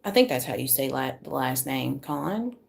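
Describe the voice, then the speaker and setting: A woman, going a bit hoarse, chatting to viewers as she gives a casual live tarot reading into her phone at home. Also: very deep voice, fairly quick. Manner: chatty, self-deprecating, talks to viewers. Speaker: tarot reader.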